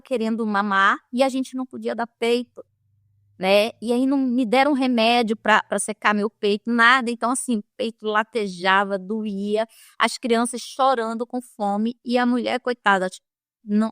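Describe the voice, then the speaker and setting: Middle-aged woman, Manaus accent, interview testimony; higher-pitched, dry sound, emotional and halting delivery. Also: a bit bright, no echo. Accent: Northern Brazilian (Manaus). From Manaus, Brazil. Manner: emotional, halting storytelling with many restarts. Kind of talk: personal testimony.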